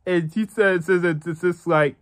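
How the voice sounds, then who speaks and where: A man's voice: sits high, steady tone, normal speed. A man hosting a gaming channel, giving casual reaction commentary with lots of stammering, repetition and giggles.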